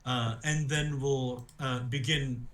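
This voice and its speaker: A man's voice: mid-range voice, fairly even intonation, slow, a bit bright, distant mic. A man chatting and narrating his moves as a player in a tabletop role-playing game. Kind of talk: casual game chat and narration. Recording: roomy echo.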